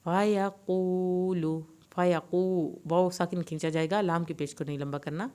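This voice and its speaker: A woman teaching Quran recitation, slowly drawing out verses and then briskly explaining pronunciation rules. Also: deep voice, steady tone, darkish tone. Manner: slow drawn-out recitation alternating with brisk explanations.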